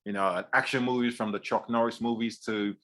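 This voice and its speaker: Low-voiced man chatting with laughs. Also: steady tone, a little fast, a bit bright. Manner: laughs often, hesitant fillers. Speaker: guest actor. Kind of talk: casual chat.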